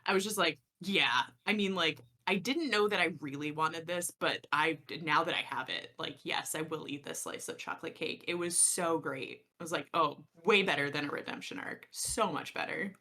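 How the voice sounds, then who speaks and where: Gushing woman with a low, bright voice. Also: normal speed, hardly any pauses. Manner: gushing, filler-heavy, quotes characters in an animated voice. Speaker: podcast co-host. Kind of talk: casual book discussion chat.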